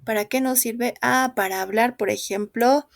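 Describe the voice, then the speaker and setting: A woman leads a French lesson, patiently repeating each word for her students. Her voice sits a little high with a gravelly edge. The sound is dry and close. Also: moderate pace, no echo. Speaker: French teacher. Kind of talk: online class, mixing French and Spanish.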